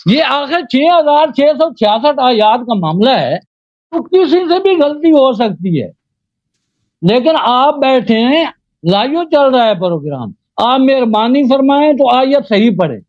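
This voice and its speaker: High-voiced man in a dry lo-fi debate. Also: sing-song, no echo. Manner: chants Arabic invocations slowly, then argues pointedly. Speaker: debater, Sunni cleric. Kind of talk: live religious debate. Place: online live debate. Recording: dull, dry lo-fi audio.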